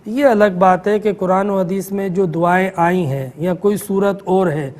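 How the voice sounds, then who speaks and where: A middle-aged man, a mufti answering callers' questions in a calm, explanatory manner. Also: high-pitched. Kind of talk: religious call-in answers.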